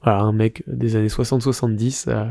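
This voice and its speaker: A man's voice: lowish voice, level tone, fairly quick, creaky, dark tone, dry recording. Rambling French man, dry close sound. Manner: rambling, hesitant, many fillers. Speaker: podcast co-host. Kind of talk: casual chat recommending films.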